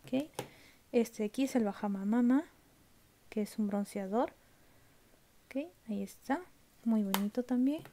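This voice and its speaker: Woman, beauty vlogger, fairly high voice, mellow tone, chatty, casual show-and-tell. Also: unhurried, pauses often. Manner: chatty, often checks in with "ok?". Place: home, by her closet.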